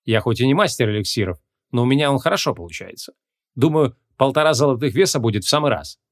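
Gruff ancient archmage, read by a man, imperious and quick-tempered, expressive, fantasy audiobook. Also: medium pitch, lightly acted. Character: grumpy ancient male archmage, hot-tempered.

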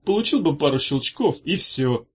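A man's voice: on the high side, lively intonation, moderate pace, husky. A man voicing a cheerful, mischievous young brother in an audiobook, in an easygoing, playful manner. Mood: amused. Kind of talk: audiobook character voice. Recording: dull lo-fi recording.

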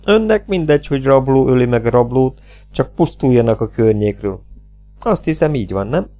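Man doing a cool, calm young outlaw. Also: mid-range voice, highs cut off, faint music behind, lightly acted. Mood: calm, flat. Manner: calm and unbothered.

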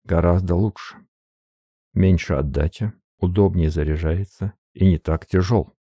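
A man voicing a suave, weary older privy councillor in an audiobook, slow, measured and courteous. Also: low-pitched, mellow, breathy edge, dry recording, studio quality, full character voice. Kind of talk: audiobook character reading.

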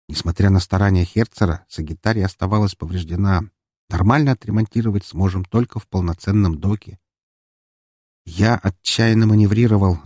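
Low, dark-voiced male audiobook narrator. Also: husky, no room sound, studio quality. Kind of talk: scripted first-person narration.

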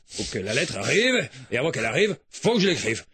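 A man's voice: mid-range voice, sing-song, brisk, fairly bright tone, husky, no room sound, clean studio sound. A man doing a comic radio monologue in a theatrical, mock-poetic, exaggerated way. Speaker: radio morning show comedian.

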